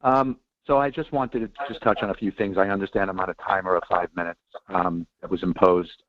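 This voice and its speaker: A man's voice: low voice, fairly even intonation, a little fast, no echo. A man calling in over the phone to address a review board, speaking hesitantly with many ums, earnest and defensive. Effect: heard over the phone line. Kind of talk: public comment at a board hearing. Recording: dull, dry phone-line audio.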